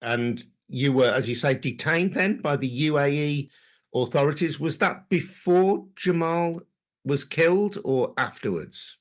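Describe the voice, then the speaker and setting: A man hosting a news podcast, introducing the story and asking questions in a measured, journalistic way. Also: on the high side. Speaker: podcast host. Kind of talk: interview hosting.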